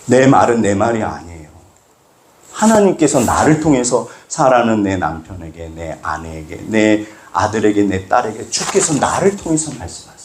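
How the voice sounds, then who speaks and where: Brief: a male pastor preaching with lively pitch swings and the ring of a church hall. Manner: animated, acts out scripture quotes. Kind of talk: sermon. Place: church sanctuary.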